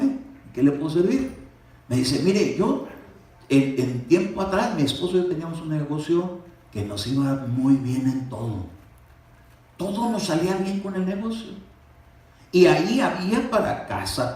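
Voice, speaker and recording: A man preaching a sermon, telling a story and voicing the people in it. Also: medium pitch. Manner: animated storytelling, acting out dialogue in his story. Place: church. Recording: echoey room picked up from a distance.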